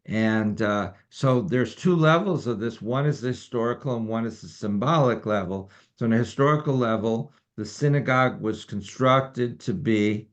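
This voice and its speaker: Low guy teaching a study group, loose and chatty, lots of um and you know, muffled lo-fi sound. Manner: relaxed, rambling with many fillers. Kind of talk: informal teaching talk. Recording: dull lo-fi recording.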